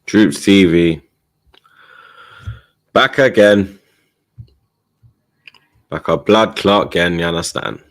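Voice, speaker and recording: A man's voice: sits low, takes it slowly, pauses often. A man with a London accent hosting a football fan livestream in short, slangy, sweary phrases. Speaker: host of football fan show.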